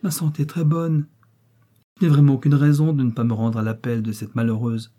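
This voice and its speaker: Brief: man doing a devoted young princess for an audiobook, softly pleading. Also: medium pitch, flat delivery, a little fast, lightly acted. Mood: earnest pleading. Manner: pleading, tender.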